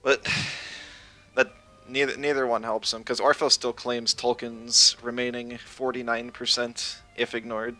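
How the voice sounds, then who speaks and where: A man's voice: mid-range voice, flat delivery, bright, forceful tone. A man streaming a competitive game, casually thinking aloud about his moves as he plays. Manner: thinking aloud, chatty, quick asides and laughs. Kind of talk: casual live game commentary.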